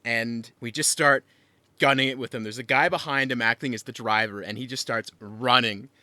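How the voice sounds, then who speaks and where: A man's voice: medium pitch, steady tone, moderate pace, sharp tone, no echo. A young man co-hosting a podcast, animatedly retelling a party story with lots of laughs. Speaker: podcast co-host. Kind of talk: casual storytelling.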